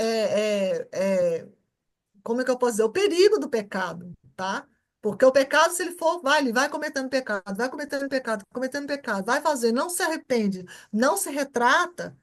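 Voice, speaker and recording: Brazilian woman teaching bible class, very animated, swoops up and down, keeps asking "got it?". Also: high-pitched. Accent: Brazilian Portuguese. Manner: repetitive, keeps checking understanding with short tags. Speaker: church welcome class teacher.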